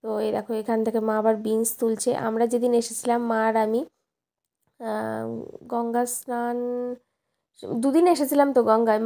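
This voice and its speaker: Young woman, a chatty vlogger who rambles and corrects herself, with a mellow, gravelly voice. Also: on the high side. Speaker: vlogger and schoolteacher. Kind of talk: casual vlog narration.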